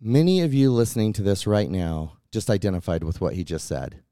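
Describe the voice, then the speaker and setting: A man's voice: on the low side, sing-song, fairly quick, warm tone, faint music behind. A male podcast host narrating a guest's story and reflecting on it. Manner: reflective, explanatory.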